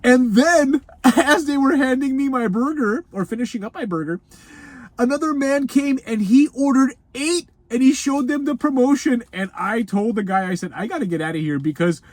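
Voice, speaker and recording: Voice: high-pitched, expressive, moderate pace, no echo. Chatty granny-style food reviewer, laughs between bits, keeps saying grandchildren, dead dry room. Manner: chatty and folksy, calls viewers grandchildren, speaks of self in third person; laughs often between remarks. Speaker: food review show host. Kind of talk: casual unscripted food review. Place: Los Angeles.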